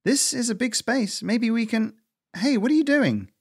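A man voicing a sharp-tongued older female squirrel in a storybook reading, scolding and snappish. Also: very high voice, expressive, normal speed, slightly rough, voice pushed up, full character voice. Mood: exasperated.

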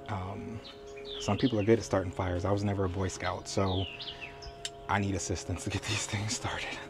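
Low-voiced man narrating a casual vlog. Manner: relaxed, chatty, with easy fillers. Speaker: vlogger. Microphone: handheld vlog camera.

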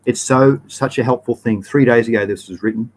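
A man's voice: mid-range voice, fairly quick, darkish tone, husky, poor audio. An Australian man hosting a live stream, chatting casually in a rambling, slangy way and often correcting himself mid-sentence.

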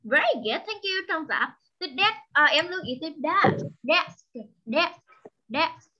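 A woman with a Vietnamese accent teaching English online, drilling each word slowly and repeating it many times while switching between English and Vietnamese. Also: very high-pitched, big pitch swings, muffled recording. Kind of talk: slow drilling of vocabulary for young learners.

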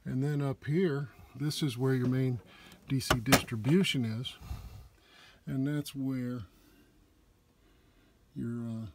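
This is a casual walkthrough of a large indoor RV repair shop by a Southern-accented man who explains the technical work in plain language, using some fillers. He speaks slowly with a medium pitch and steady tone, leaving long pauses, over slight background noise.

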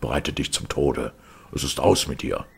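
A man's voice: very deep voice, moderate pace, gravelly, breathy edge, heavily acted. A man doing a cruel, bellowing knight. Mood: menacing. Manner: threatening, commanding.

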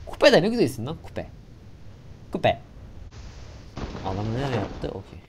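An excitable young man talks through a mobile shooter match, his pitch bouncing up and down. He chats casually and bursts into shouts when things get tense, with steady game noise and engines running under his voice. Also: normal speed. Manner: excitable, shouts in tense moments, slangy banter. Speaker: gaming YouTuber. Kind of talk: casual gameplay commentary.

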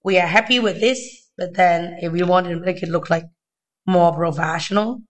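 Thin, weak, high-pitched male maths tutor. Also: normal speed. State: unwell, weakened voice. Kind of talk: informal step-by-step tutorial narration. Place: indoors at a desk.

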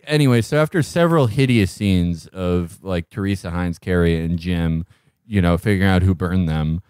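Sardonic low-voiced man rambling a recap. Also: moderate pace, darkish tone, clean tone, no room sound, studio quality. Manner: rambling, sardonic, laughs mid-sentence. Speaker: podcast co-host. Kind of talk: comedic show recap.

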